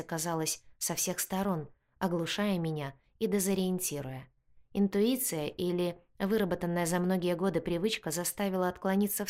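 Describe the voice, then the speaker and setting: Low-voiced woman narrating a fantasy story. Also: darkish tone. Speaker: audiobook narrator. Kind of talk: scripted first-person fantasy narration.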